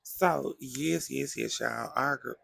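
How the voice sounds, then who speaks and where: Gravelly-voiced man dishing a reality recap. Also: mid-range voice, slow, dry recording. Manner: chatty, animated retelling with quoted voices. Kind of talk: casual gossipy recap.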